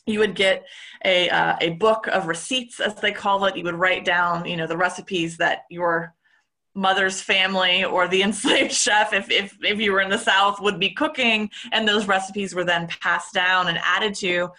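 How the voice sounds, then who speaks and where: A woman's voice: mid-range voice, steady tone, moderate pace, bright, forceful tone. A woman moderating a Q&A session, reading out audience questions and adding her own remarks, with many fillers.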